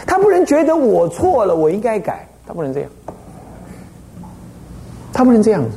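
A man with a Taiwanese Mandarin accent gives a lively Buddhist dharma lecture as an abbot. He tells stories and keeps asking the listeners rhetorical questions. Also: high-pitched, normal speed, slight background noise. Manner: animated storytelling, frequent rhetorical questions.

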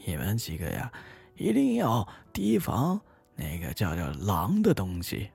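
A man voicing a fussy elderly mother goat in a comic bedtime story, soft and drawn out. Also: on the low side, wildly swooping pitch, measured pace, vocal fry, husky, faint music behind, full character voice. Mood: fussing.

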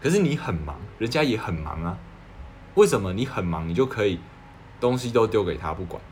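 A young man talks casually as a doctor passing on advice. His voice sits fairly low. He keeps asking rhetorical questions and often restarts his sentences, while faint music plays underneath. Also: very animated, fairly quick, darkish tone. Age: 20s. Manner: earnest and persuasive, asks rhetorical questions, frequent restarts.

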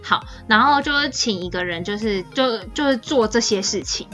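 A woman's voice: fairly high pitch, moderate pace, faint music behind. A woman, co-hosting a podcast and telling a rambling story in casual chat. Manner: animated, rambling, acts out quoted dialogue.

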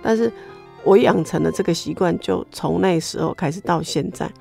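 A woman's voice: on the low side, normal speed, creaky, soft background music. A middle-aged woman with a Taiwanese Mandarin accent, giving her personal faith testimony as an interview guest, telling it with lots of exclamations. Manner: animated storytelling with many exclamations.

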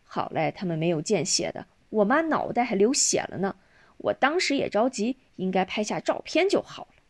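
A woman's voice: mid-range voice, very animated, normal speed. A woman voicing an assertive, outspoken grown daughter in a spoken storybook. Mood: confident. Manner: outspoken, insistent.

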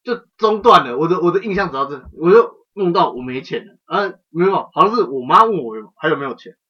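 Guy chatting back kinda far from the mic, husky, a bit high, muffled lo-fi. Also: lively intonation, fast talker. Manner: laid-back, chuckling, swears casually. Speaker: podcast co-host. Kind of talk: casual chat. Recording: distant, dull lo-fi mic.

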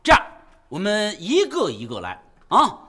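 An actor playing a jovial soldier who coaches his comrades in shouting slogans, chuckling and coaxing as he talks. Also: high voice, wildly swooping pitch, normal speed, slightly rough, heavily acted. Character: jovial male puppet-army soldier teaching slogans. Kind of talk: radio drama acting.

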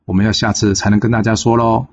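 Relaxed male storyteller, chatty retelling, dull lo-fi recording. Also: on the low side, fast, slightly rough. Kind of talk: storybook narration.

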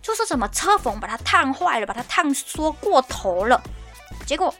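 A woman hosting a podcast, talking casually and in an exasperated, ranting way. Her voice sits a bit high for a woman. Faint music plays behind her. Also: very animated, normal speed, fairly bright tone. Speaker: podcast host. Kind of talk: casual storytelling monologue.

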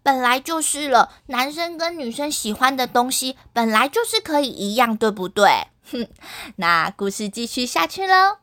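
A woman narrating a children's story in an animated way, speaking directly to the children. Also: high voice, moderate pace, dry recording, studio quality.

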